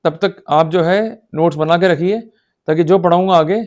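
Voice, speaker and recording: A man with a somewhat high, steady voice, slightly mellow and at a moderate pace, delivers a law lecture in Hindi sprinkled with English legal terms. He explains emphatically, urges his listeners on, and keeps checking that they follow.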